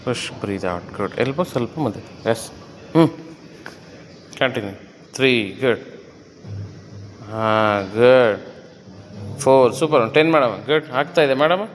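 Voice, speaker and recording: A man's voice: mid-range voice, expressive, measured pace, pauses often, a little hiss or hum. A man coaching his wife through a gym workout, giving short commands and counting reps. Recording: echoey gym hall with faint music.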